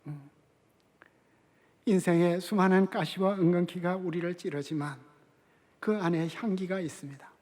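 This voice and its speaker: An older man preaching a sermon as a guest pastor, emphatic and measured, with dramatic pauses and hushed drops in his voice. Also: high voice, fairly even intonation. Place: large church sanctuary. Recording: long church hall reverb.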